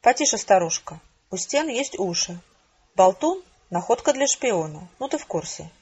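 A woman voicing a pompous, loud, hard-of-hearing male colonel in a storybook reading, with a husky voice and a bossy, jovial manner. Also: medium pitch, very animated, normal speed, highs cut off. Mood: hearty.

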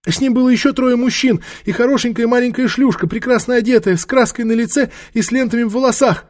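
Guy doing a screechy old nomad crone, hysterical and whiny, way high up. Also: fast. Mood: shrill whining. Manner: whining, shrieking. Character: shrill hysterical old nomad hag, female.

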